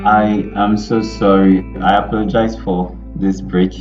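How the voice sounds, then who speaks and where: A male web development instructor teaches a live online lesson over a group voice call, speaking haltingly with lots of fillers and restarts. His voice is on the low side, level in tone, and a little mellow. The audio is dull, with soft background music, and sounds like an online group call.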